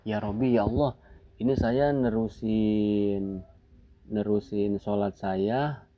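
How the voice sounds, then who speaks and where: A man's voice: on the low side, steady tone, takes it slowly, dry recording, dull audio. A man voicing a devout male hermit who asks himself anxiously, mid-prayer, whether to keep praying or answer his mother. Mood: torn. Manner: anxious inner questioning.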